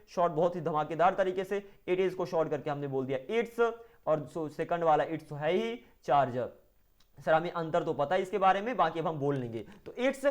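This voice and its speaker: A man teaching an English lesson in Hindi, repeating phrases and acting out his students' questions before answering them. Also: high voice. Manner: repetitive, asks and answers his own questions.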